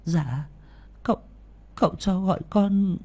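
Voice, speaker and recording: A woman's voice: mid-range voice, a little slow, dark tone, voice pushed up. A man voicing a frightened village woman who begs and pleads. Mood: pleading. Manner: trembling, begging.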